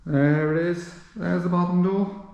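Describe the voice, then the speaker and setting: A man's voice: high voice, steady tone, measured pace, creaky, a little mellow, dull audio. A man chatting casually as he vlogs, his voice echoing heavily around a nearly empty indoor room. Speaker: vlogger. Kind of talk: casual chat to camera.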